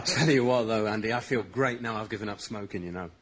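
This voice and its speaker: A man's voice: lowish voice, fast, fairly bright tone. A man hosting a comedy radio show, chatty, earnest and boastful in a scripted sketch.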